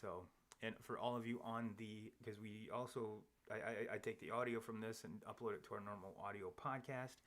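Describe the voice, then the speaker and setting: The host of a live sports podcast speaks a little fast in a fairly low, fairly bright voice with fairly even intonation. Chatting casually from his home studio across from a co-host, he rambles, restarts, and uses plenty of fillers.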